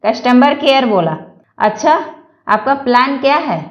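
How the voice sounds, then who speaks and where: A woman reads jokes aloud at an unhurried pace. Her voice sits high, and the room around her is echoey. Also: lively intonation, highs cut off. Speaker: joke reader. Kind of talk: reading Hindi jokes aloud.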